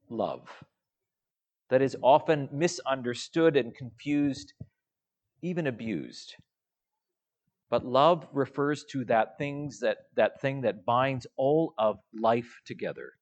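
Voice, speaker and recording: Guy giving a sermon, real slow and deliberate, voice drops soft at the ends of lines. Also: medium pitch. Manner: slow, measured, with soft trailing phrase endings. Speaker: preacher.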